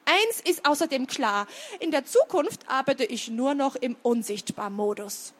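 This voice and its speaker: Woman reader doing a high, loud, flustered grim reaper for a storybook reading. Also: lively intonation, unhurried. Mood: decided. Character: bumbling male grim reaper, bony and hasty.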